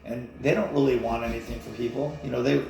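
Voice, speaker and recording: A man from the United States talking in a casual, rambling monologue full of fillers and restarts, with a gravelly voice. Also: medium pitch, steady tone, quick pace, a crowd in the background. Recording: very echoey with faint noise.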